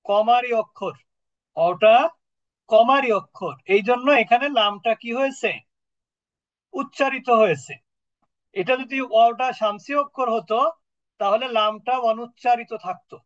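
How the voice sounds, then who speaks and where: A man's voice: very high-pitched, dry recording. A man teaching an Arabic class online, patiently quizzing his students as he explains. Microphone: video call. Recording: dull lo-fi dry call audio.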